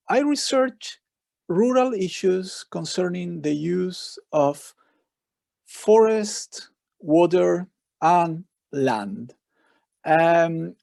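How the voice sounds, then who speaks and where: Chilean-accented man, researcher, warm low-bright tone, reflective delivery over a video call. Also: creaky, dry recording. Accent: Chilean Spanish. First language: Spanish. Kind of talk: online talk.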